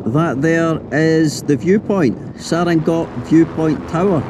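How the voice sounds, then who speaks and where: A man's voice: a little high, takes it slowly. A Scottish man vlogging enthusiastically from a helicopter, talking straight to his viewers. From Scotland. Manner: enthusiastic, addresses viewers directly. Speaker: travel vlogger. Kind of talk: casual vlog narration. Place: helicopter over a lake, then outdoors at an airstrip. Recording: loud engine and outdoor noise.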